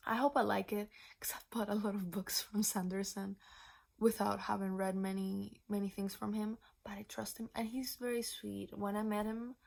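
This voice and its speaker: Young woman, 19, from Venezuela, book vlogger, casual rambling chat, whispered asides, gravelly fry, flat intonation. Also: medium pitch, moderate pace. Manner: chatty, rambling with frequent restarts and asides; drops into breathy whispers for asides.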